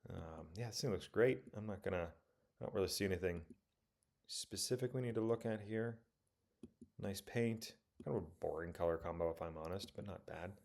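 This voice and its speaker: Low gravelly man reviewing car photos. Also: moderate pace, darkish tone. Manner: rambling, self-correcting, many ums. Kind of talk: casual commentary over photos.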